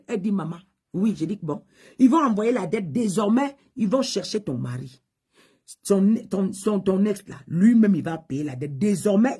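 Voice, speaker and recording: A woman pastor preaching a sermon, telling a testimony with loud high exclamations and low hushed asides. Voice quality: husky.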